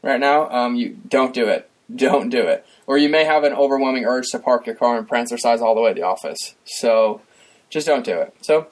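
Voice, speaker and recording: A man's voice: medium pitch, a little fast, rough recording. A man chatting as a guest on a podcast, talkative and laughing often. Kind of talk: casual chat.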